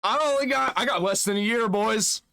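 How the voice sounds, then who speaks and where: This is a man hosting a reaction channel, delivering casual commentary in a brisk, gravelly, bright and forceful tone. He mocks freely, swears a lot and reads search results aloud, flipping between a squeaky high register and a put-on deep voice.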